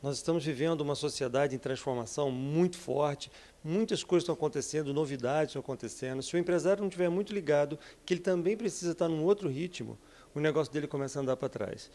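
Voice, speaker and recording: A Brazilian entrepreneur in his fifties giving an energetic, persuasive interview in an office, speaking into a handheld mic. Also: a little high, fast talker. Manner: energetic, persuasive, frequent tag questions. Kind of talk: interview answers. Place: office with bookshelves, indoors.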